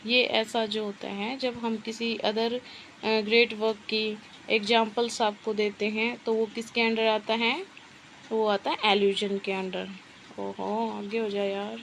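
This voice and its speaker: A woman teacher giving an exam-prep literature lesson, explaining slowly and asking and answering her own questions. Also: on the high side, little pitch movement, creaky, slight background noise, poor audio.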